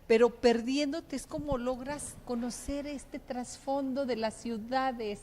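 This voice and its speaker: A woman with a Mexican accent hosting a casual interview, lively and chatty, often affirming her guest. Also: sits high, slow, a little hiss or hum. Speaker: host.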